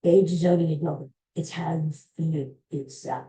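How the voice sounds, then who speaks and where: Low-pitched and mellow, this woman keeps a steady tone and a moderate pace. She's a podcast host delivering a casual monologue alone, offering rambling, homespun life advice full of restarts while calling her audience folks.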